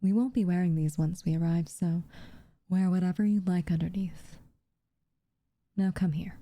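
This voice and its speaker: A woman with a lowish, natural voice takes on the part of a distant, teasing witch with a hidden tender streak for a gentle, close-up ASMR roleplay. Her delivery is breathy and half-whispered with dramatic pauses, and the mood comes across as calm and commanding.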